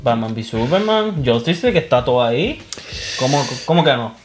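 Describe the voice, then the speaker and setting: A man's voice: mid-range voice, big pitch swings, normal speed, soft background music. Opinionated man. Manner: opinionated, insistent. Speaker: co-host. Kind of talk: casual chat about films.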